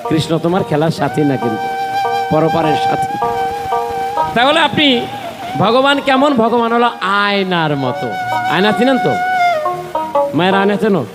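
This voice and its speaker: A man with a Bangladeshi Bengali accent preaching a devotional sermon at a temple gathering, telling a story in an animated way and asking the audience questions. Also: high-pitched, normal speed, long pauses, big-room sound, loud music behind the voice. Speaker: kirtan singer and preacher.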